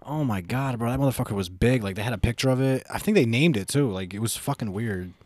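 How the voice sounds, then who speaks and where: A man's voice: mid-range voice, lively intonation, quick pace, darkish tone, dry recording. A young man chatting casually with a friend like a frat bro, full of slang and swearing. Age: young adult. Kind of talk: casual banter between friends.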